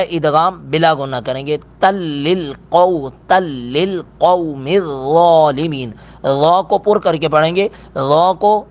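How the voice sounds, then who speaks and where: A middle-aged man teaching a recitation lesson, explaining pronunciation rules plainly and then chanting verses in a slow, drawn-out way. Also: a little high.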